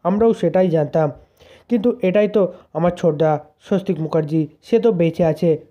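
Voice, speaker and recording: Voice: medium pitch, moderate pace, dark tone, muffled recording, natural voice. A narrator reading the lines of an earnest young woman insisting that her brother is alive. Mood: insistent.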